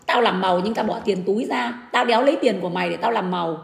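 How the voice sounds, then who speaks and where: A woman's voice: mid-range voice, fast talker, vocal fry, roomy sound. A woman in an indignant livestream rant, bluntly answering her critics. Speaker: livestreamer defending her husband.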